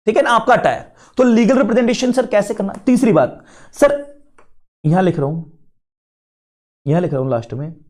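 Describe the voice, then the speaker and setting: A man with an Indian accent giving a casual classroom lecture, chatty and mixing English terms in, a bit unwell and low on energy. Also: animated, normal speed, pauses often. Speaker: teacher.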